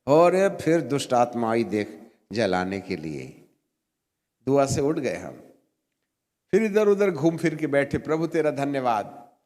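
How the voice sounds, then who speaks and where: Middle-aged bishop, story sermon, animated, acts out voices, long hall echo. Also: male voice, medium pitch, slow, pauses often. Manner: animated, acts out voices in his story, rising to emphatic peaks. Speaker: bishop preaching.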